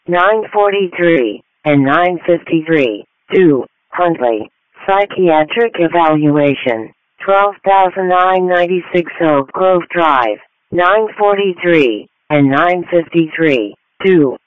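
A man making measured, formulaic emergency dispatcher announcements over a radio. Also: high-pitched, no echo, phone-quality sound. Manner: measured, formulaic call-outs. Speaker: police and fire dispatcher. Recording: dry emergency radio channel audio.

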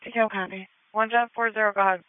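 A man's voice: sits high, flat delivery, rapid-fire. A man working as an emergency dispatcher, giving terse, clipped, procedural radio updates over two-way radio. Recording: tinny radio channel, faint static.

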